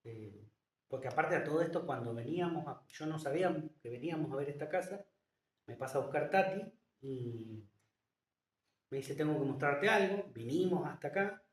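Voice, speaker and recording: A man's voice: medium pitch, lively intonation, moderate pace, a little mellow. A man, a guest in a casual interview, who talks hesitantly with many fillers and restarts. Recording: echoey room, distant mic.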